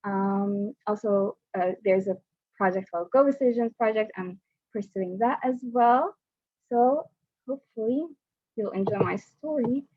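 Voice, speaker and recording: A young woman, a student volunteer, reads a children's picture book aloud over a video call at a measured pace in a mid-range voice. When she chats, she's hesitant and uses fillers. The call audio is dull and lo-fi.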